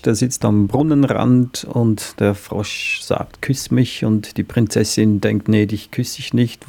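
A man's voice: on the low side, creaky, mellow. A man chatting casually about children's books, hesitant with many fillers. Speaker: co-host presenting children's books. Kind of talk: casual chat.

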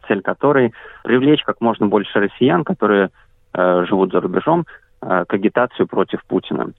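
A man interviewed as an activist coordinator, answering in a measured way with frequent hesitation sounds. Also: fairly low pitch, creaky, dry recording. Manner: measured, frequent filler sounds, careful listing. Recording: dry tinny phone-like line.

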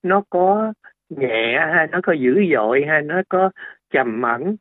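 Speaking slowly, with a fairly high pitch and lively intonation, a doctor is interviewed on the radio over a tinny, phone-like line. The recording is dry, and his explanations are hesitant, with many fillers and restarts.

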